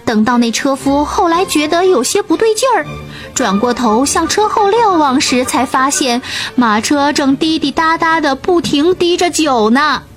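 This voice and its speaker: High-voiced woman telling a bedtime story. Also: animated, moderate pace. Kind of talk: children's bedtime story narration. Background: soft music.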